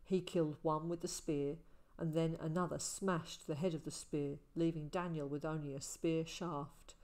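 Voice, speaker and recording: A woman reading the part of a calm older male ranger, speaking quietly and soberly. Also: low-pitched, normal speed. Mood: storytelling.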